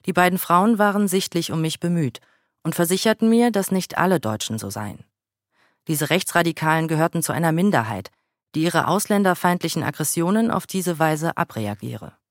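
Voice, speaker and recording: Man calmly reading a memoir. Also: a little high, normal speed, no room sound, studio quality. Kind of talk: first-person memoir reading.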